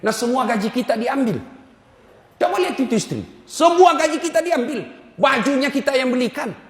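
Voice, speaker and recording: A man's voice: very high voice, animated, a little fast. A male Islamic preacher giving a humorous sermon, teasing and calling out to his audience. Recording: echoey hall reverb.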